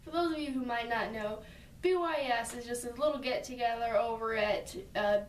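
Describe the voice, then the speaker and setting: A young woman telling a story casually to a friend on camera, chatty and a little halting. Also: a little high, a little hiss or hum. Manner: chatty, a bit halting, with fillers. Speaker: vlogger. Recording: roomy echo, mic at a distance.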